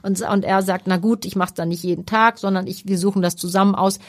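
A woman sex therapist co-hosting a podcast, explaining her approach in relaxed, searching sentences with fillers. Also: mid-range voice, fairly quick, dry recording, studio quality. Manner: explanatory, thinks aloud with fillers. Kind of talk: casual podcast chat.

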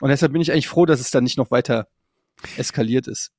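A man's voice: mid-range voice, quick pace, no room sound. Guy on a podcast telling a story, keeps restarting sentences, gets riled up, dry close mic. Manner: animated anecdote-telling, many restarts and fillers; gets worked up while recounting. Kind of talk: casual chat.

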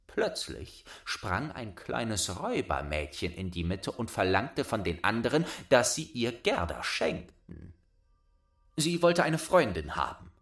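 A man reading a fairy tale aloud as a storyteller, in a very lively, unhurried way. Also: fairly low pitch.

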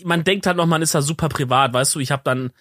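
A man's voice: on the high side, quick pace, fairly bright tone, no room sound, clean studio sound. A young man co-hosting a podcast who chats casually, reacts and thinks aloud in slang. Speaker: podcast co-host. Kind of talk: casual chat.

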